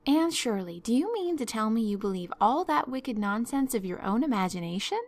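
Woman acting older woman, stern, sensible, brisk, sarcastic, no-nonsense storybook guardian. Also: medium pitch, expressive. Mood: incredulous, scolding. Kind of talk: storybook narration.

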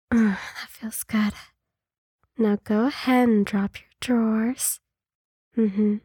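A woman in an intimate adult ASMR role-play, speaking in a sultry, teasing, breathy way like a seductive narrator. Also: fairly high pitch, steady tone, drawn-out words, long pauses, dark tone, dry recording, clean studio sound. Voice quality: husky, breathy.

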